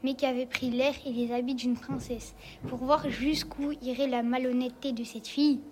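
A woman's voice: sits high, little pitch movement, moderate pace, a little hiss or hum. A woman narrating a fairy tale aloud, reading in a level way.

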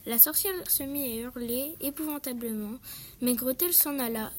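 A woman reading a fairy tale aloud in a lively storybook manner. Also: high-pitched, moderate pace, slight background noise.

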